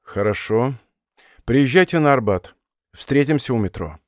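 A man's voice: medium pitch, lively intonation, measured pace, no room sound, clean studio sound, natural voice. A man reading an audiobook voices a curt, irritable male spy posing as a captain, talking dismissively.

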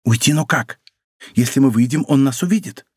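A male audiobook reader voicing a tender, fearful young woman in a hushed, worried tone. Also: medium pitch, normal speed, breathy edge, no echo, clean studio sound, natural voice. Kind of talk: audiobook character reading.

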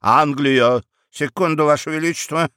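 A man as a hurried servile secretary. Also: on the high side, bright, forceful tone, smooth, no echo, studio quality. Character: fussy eager male secretary to the duke.

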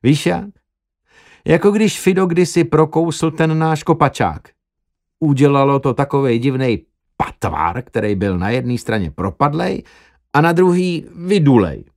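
A man's voice: on the high side, animated. A man voicing a brash, crude young male doctor who talks in a cheeky, boastful way.

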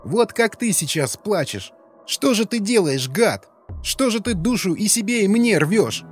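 A man's voice: on the high side, very animated, a little fast, soft background music, voice pushed up. A man voicing a heated, tearful young man who pleads in outbursts. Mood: anguished pleading. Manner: pleading outbursts through tears.

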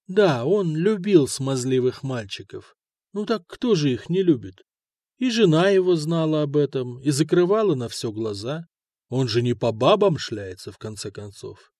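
A man narrating an audiobook story in a steady, expressive storytelling manner. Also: a little high, no echo, clean studio sound. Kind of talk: scripted narration.

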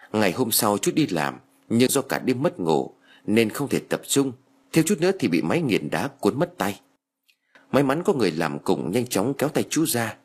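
A man narrating an audiobook story with expressive storytelling. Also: mid-range voice, husky.

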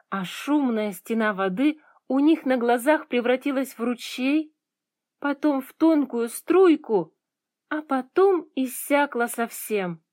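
A woman narrating a children's fairy tale in an expressive, measured storytelling manner. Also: high-pitched, no echo, studio quality. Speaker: audiobook reader.

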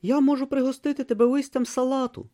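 Man doing a nervous young monk boy voice, high and earnest, kinda naive, dry sound. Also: level tone, quick pace, warm tone, no echo. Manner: earnest, hesitant, wide-eyed. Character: timid naive young male novice monk.

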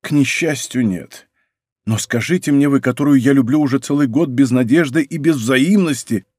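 An ardent nobleman, as a male reader voices him, pleading with passion in a mid-pitched voice. The sound is close and dry, straight from a studio microphone. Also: moderate pace, a little mellow, no room sound, lightly acted. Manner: pleading, impassioned. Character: ardent lovesick nobleman minister. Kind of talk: audiobook character reading.

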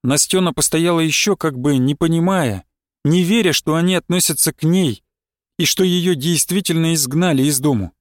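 High-voiced man narrating a novel. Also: normal speed, dry recording, studio quality. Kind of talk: audiobook narration of literary prose.

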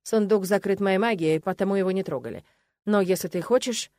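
A woman's voice: medium pitch, a little fast, warm tone, dry recording, lightly acted. A woman voicing a laconic young necromancer. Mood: calm. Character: laconic young male necromancer, calm and reserved.

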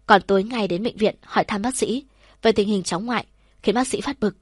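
A woman tells a first-person story in a soft, measured and heartfelt manner. Her voice sits at an ordinary middle pitch with a husky, breathy grain. The recording is dry and close, with no room sound. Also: no echo.

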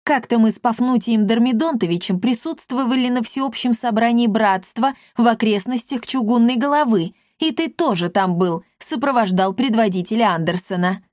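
A woman voicing a brash male talking cat who shouts and boasts. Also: on the high side, moderate pace, hardly any pauses, dry recording, studio quality, natural voice. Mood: excited. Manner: shouting, excited.

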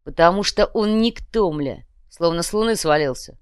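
A woman voicing a short, crude, boastful male red-cap gang boss in an audiobook, talking loud and slangy with a swagger. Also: on the low side, lively intonation, normal speed, smooth, no room sound, studio quality, lightly acted. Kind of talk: audiobook character voice.

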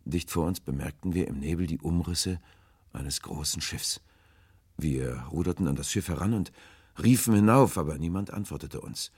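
A man's voice: very deep voice, darkish tone, husky, dry recording, studio quality, full character voice. A man voicing a frightened, starving old man who speaks in a hesitant, hopeless way in an audiobook. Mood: sorrowful. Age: older. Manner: hesitant, halting, sorrowful and hopeless. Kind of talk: audiobook character voice.

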